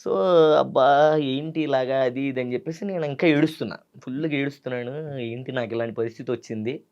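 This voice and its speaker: A man's voice: mid-range voice, brisk, muffled recording. A young man with a Telangana Telugu accent, a guest earnestly telling his childhood story in an interview. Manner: earnest, quotes family dialogue, grows animated at the twist. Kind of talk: emotional personal storytelling.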